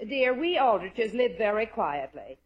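A woman's voice: fairly high pitch, big pitch swings, a little slow, slightly rough, lo-fi sound, heavily acted. An actress playing a kindly, placid middle-aged mother and wife in an old-time radio sitcom. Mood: pleasant.

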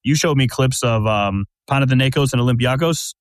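A man hosts a basketball podcast in a steady, explaining way, setting up scenarios for his co-host. His voice is mid-pitched and the sound is dry and close. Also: brisk, no echo. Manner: steady, lays out questions and scenarios. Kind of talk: casual sports chat.

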